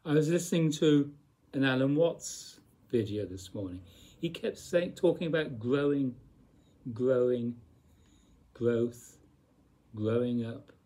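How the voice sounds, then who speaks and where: A man giving a slow, reflective spiritual talk, speaking deliberately with long pauses and repeated phrases. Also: medium pitch, lively intonation, mellow. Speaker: spiritual teacher.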